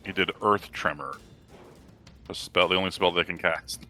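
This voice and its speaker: A man acting as game master for an online tabletop game, brisk and practical as he keeps track of the board and rules. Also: sits low, bright, forceful tone, faint music behind.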